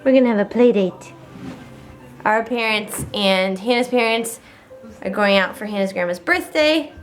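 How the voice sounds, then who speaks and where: A woman's voice: mid-range voice, moderate pace, faint music behind. A woman chatting casually for a vlog in a gushing, affectionate way, often slipping into baby talk. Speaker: vlogger.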